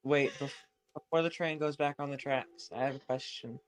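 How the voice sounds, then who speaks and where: A man's voice: mid-range voice, steady tone, normal speed, clear, resonant tone, no echo. A man playing a tabletop game, hesitant and stumbling over his words as he checks details. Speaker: player.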